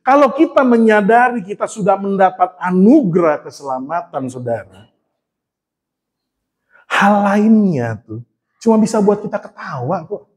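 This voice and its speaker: High-voiced man preaching conversationally. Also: expressive, measured pace, a little mellow. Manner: conversational storytelling, often addressing the congregation; humorous and self-mocking. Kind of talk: sermon.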